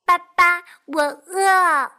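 Tiny clingy duckling in a storybook, very high and loud, calls out; a woman plays it. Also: steady tone, very slow, faint music behind, exaggerated voice. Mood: calling. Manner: loud, calling out.

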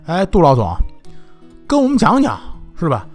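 A shrewd, suspicious official who pins people down with questions, as a male storyteller plays him. His voice sits high and moves lively up and down. Faint music hums underneath. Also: normal speed, full character voice. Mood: probing. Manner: pressing, interrogating.

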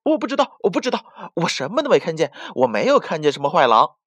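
A man voicing a chattering blabbermouth male myna bird in a children's bedtime story, talking fast and high and repeating himself. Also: dry recording. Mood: flustered. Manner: rapid, high, repeats itself excitedly.

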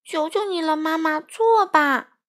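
Picture-book cub, woman reader: little boy, high, eager. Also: unhurried, a bit bright. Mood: pleading. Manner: pleading, proud, childlike. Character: small eager young boy animal.

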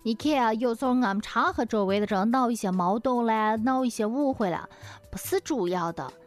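A woman's voice: a little high, fairly quick. A woman telling a comic story in a chatty way, full of exclamations and dialect words.

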